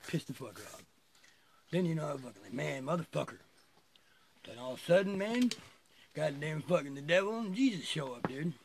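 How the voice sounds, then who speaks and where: A man's voice: a little high, lively intonation, fairly quick, gravelly, long pauses, a crowd in the background. Rambling, profane man telling a story. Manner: rambling, profane, laughs often.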